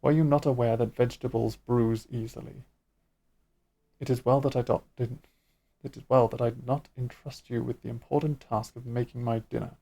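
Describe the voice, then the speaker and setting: A man reading out a video game cutscene, voicing a sinister male imperial lord who speaks in a slow, measured, gravelly way. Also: mid-range voice, steady tone, dark tone, voice pushed down. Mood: disdainful.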